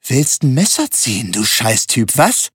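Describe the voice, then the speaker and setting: A man's voice: mid-range voice, very animated, unhurried, husky, no room sound, clean studio sound. A man voicing a gaunt, cruel-faced thug in a bar who barks and taunts. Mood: threatening. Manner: barking, taunting.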